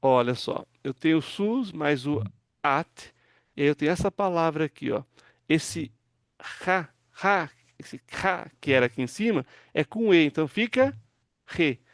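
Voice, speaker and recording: A pastor teaching an online Hebrew class, patiently walking students through word forms and asking them to read aloud. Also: male voice, a little high, expressive, unhurried, no room sound, studio quality. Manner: patient, explains step by step, asks students to read.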